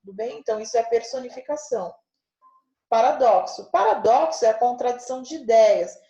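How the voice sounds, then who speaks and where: A woman's voice: on the high side, animated, a little fast, mellow, echoey room, highs cut off. A woman teacher patiently explaining figures of speech, often checking in with her listeners. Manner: patient, checks in with frequent tag questions. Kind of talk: explaining a grammar lesson.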